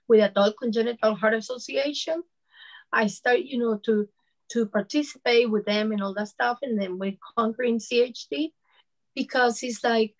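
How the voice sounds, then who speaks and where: The recording quality is low as a woman from Venezuela, in her fifties, relates personal experience during a panel discussion. She speaks in a conversational way with a fairly high pitch and a Venezuelan Spanish accent, saying "you know" again and again.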